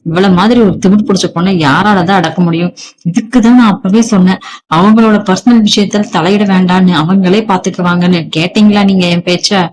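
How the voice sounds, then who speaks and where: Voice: medium pitch, steady tone, fairly quick, close to an everyday voice. A storyteller reading the lines of a domineering, proud middle-aged man who blusters and accuses. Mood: irritated, boastful.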